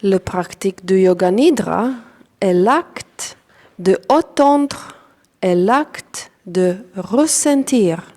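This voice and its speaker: A woman leads a guided yoga nidra meditation as instructor, speaking French with a non-native accent at a medium pitch. Her delivery is calm and deliberate, consisting of short phrases and long pauses.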